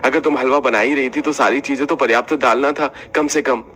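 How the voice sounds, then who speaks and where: A man voicing a complaining husband in an animated family story. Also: mid-range voice, a little fast, pitched above the performer's own voice, lightly acted. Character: grown son and husband, complaining.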